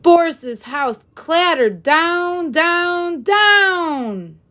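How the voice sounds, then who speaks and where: A woman's voice: very high-pitched, animated, extremely slow, sharp tone. A woman narrating a children's story expressively, like a teacher reading aloud.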